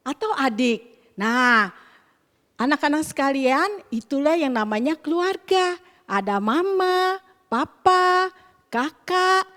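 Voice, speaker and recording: High-voiced woman telling children a story. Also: long reverb tail. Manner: animated, asks children questions. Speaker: Sunday school teacher.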